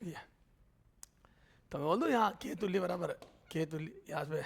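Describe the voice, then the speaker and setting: A physics teacher, a man, works through a lecture at the board. His voice sits high and has a gravelly, creaky edge. He fondly calls students "beta", poses their questions and answers them, and drags out terms as he writes. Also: expressive. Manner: repeats terms slowly while writing.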